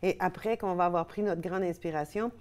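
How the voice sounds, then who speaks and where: A woman's voice: on the low side, a little fast, darkish tone. A middle-aged woman with a Québécois accent who hosts a laughter yoga show. She guides exercises in a bubbly way, bursting into hearty laughs and ho-ho-ha-ha chants. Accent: Québécois French. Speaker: laughter yoga instructor and host. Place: TV studio.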